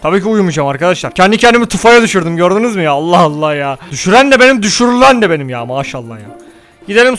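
A man giving casual let's-play commentary, excitable, talking to his viewers and cursing at the game. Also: high-pitched. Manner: excitable, talks to viewers, mutters and curses at the game. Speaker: gaming YouTuber.

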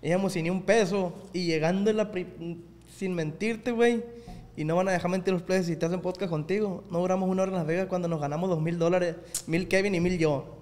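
Man, podcast guest, animated slangy storytelling, slightly high pitch, reverberant room. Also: a little fast. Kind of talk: casual podcast chat.

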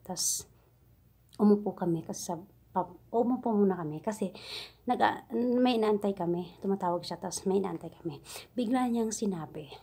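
Husky, giggly woman with a Cebuano accent. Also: medium pitch, normal speed, long pauses, mellow. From Philippines. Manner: chatty, giggly, mimics her employer's broken English. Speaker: domestic helper and vlogger. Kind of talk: casual storytelling vlog.

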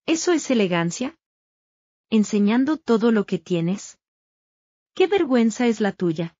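A woman's voice: a little high, very animated, a little slow, dark tone, no room sound. A jealous young husband scolds indignantly, as a woman reads him in her own voice. The audiobook recording is dry and a bit dull in tone.

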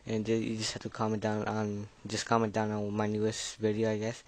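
Mumbling and unsure, a fifteen-year-old gaming creator narrates his gameplay casually, his words a bit slurred from braces. He sounds nervous, with a lowish, totally flat male voice at a brisk pace in a dry recording.

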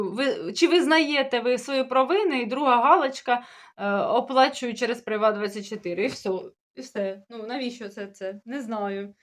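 A woman's voice: on the high side, fairly bright tone. Chatty woman vlogger with a sore throat. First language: Russian. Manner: chatty, puzzled, rambling with restarts. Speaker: village-life vlogger. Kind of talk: casual talk to camera.

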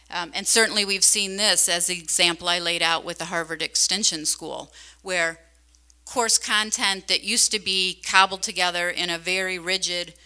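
A woman's voice: on the low side, sharp tone, clear, resonant tone. A middle-aged woman giving a conversational conference keynote into a handheld microphone in a large hall, often asking the audience questions. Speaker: keynote speaker.

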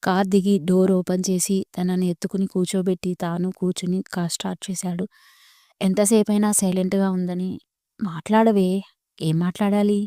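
A woman storyteller reading a scripted story narration in a steady, even way. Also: on the low side, brisk, no room sound, clean studio sound.

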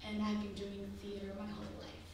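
A woman in her thirties who grew up in Bangladesh and Indonesia, speaking earnestly as a theater teacher on a panel, pausing to find her words. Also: mid-range voice, completely flat delivery. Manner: earnest, searching for words, many pauses. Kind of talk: panel discussion answer. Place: large lecture room, indoors. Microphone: table mic, heard from a distance. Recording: echoey room from far off, with noise.

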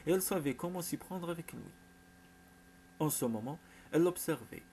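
A man reading a novel aloud as narrator, in a measured storytelling manner. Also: on the high side, mellow, a little hiss or hum. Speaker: audiobook narrator. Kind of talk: scripted narration.

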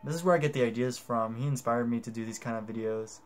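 A man's voice: mid-range voice, fast talker, soft background music. A young man hosting a reaction video, making casual, slangy, short interjections. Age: young adult.

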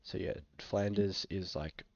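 A young Aussie fantasy football vlogger, under the weather and coughing at times, speaks at a measured pace in a flat, low voice with fry. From a small room indoors, he gives casual screen-share commentary that's laid-back, hesitant, and packed with fillers. His webcam audio sounds dull but has no echo.

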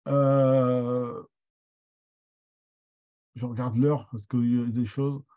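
A man's voice: mid-range voice, flat delivery, drawn-out words, mellow, muffled recording. A middle-aged man teaching an online master class, hesitant and full of restarts. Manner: hesitant, many restarts and fillers. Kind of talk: online lesson, loose explanation.

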